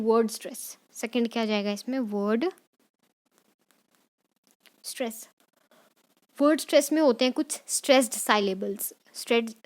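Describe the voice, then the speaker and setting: Casting: woman teacher, a touch high-pitched, revising exam answers, mixing Hindi and English, repeating key points. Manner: dictates English definitions slowly.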